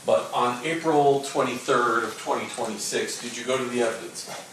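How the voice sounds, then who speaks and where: A man's voice: mid-range voice, moderate pace, a bit bright. A man working as a prosecutor, questioning a witness in a courtroom methodically with frequent "uh" and "um", heard in a courtroom recording. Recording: echoey courtroom recording with background noise.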